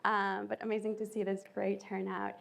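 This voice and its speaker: Colombian-accented woman giving a lively talk. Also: medium pitch, moderate pace, vocal fry. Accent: Colombian Spanish. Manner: lively, audience-engaging presenter. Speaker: conference speaker. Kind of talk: conference talk.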